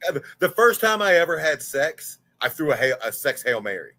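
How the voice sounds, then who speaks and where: Animated, bright-voiced man in his forties. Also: a little high, normal speed. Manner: animated, candid storyteller who swears freely. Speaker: guest. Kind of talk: casual livestream chat.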